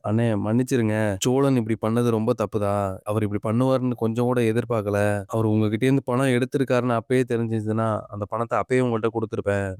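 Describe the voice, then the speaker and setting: Man reading a pleading young wife, quick and crisp. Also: mid-range voice, a little mellow, dry recording, studio quality, natural voice.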